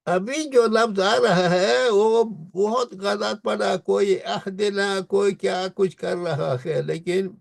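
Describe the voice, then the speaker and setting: A teacher lectures on Quran recitation, pausing between explanations to chant verses in long, slowly stretched syllables. His voice is high with a gravelly edge and a steady tone, and the sound is dry and close, with no echo.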